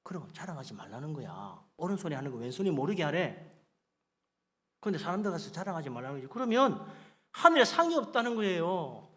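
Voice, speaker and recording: Male pastor, high pitch, lively sermon delivery with acted-out asides and congregation prompts, long church reverb. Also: fairly quick. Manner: animated preaching, acts out boastful people in quoted asides. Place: church sanctuary.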